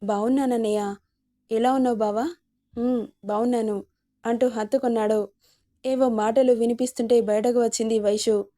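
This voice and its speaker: Mellow-voiced woman reading a romance story. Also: fairly high pitch. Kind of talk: reading a romantic story aloud, all parts in one voice.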